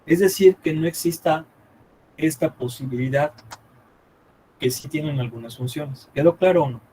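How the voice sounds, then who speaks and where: Man teaching math, fairly high voice. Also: dark tone, a little hiss or hum, rough recording. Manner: checks understanding often with quick questions, repeats himself; thinks aloud while drawing on the board. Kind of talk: live classroom lecture.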